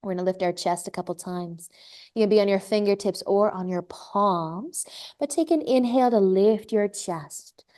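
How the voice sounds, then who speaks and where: A woman teaching a live yoga class, giving slow, soothing cues and drawn-out breath prompts. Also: mid-range voice, a little mellow. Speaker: yoga instructor. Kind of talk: guided yoga class instruction.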